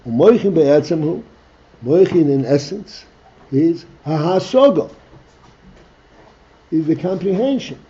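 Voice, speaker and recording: A man teaching a text study class, reading Hebrew phrases aloud and explaining them slowly in English, stopping now and then to clear his throat. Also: on the high side, lively intonation, dark tone, muffled recording.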